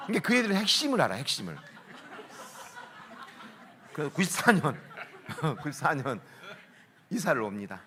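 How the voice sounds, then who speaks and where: A man's voice: fairly high pitch, normal speed, pauses often. A man, a school principal telling stories at a worship concert, acting out voices and laughing often. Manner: lively storyteller, acts out quoted voices, laughs often. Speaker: school principal giving a talk. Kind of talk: storytelling talk at a worship concert.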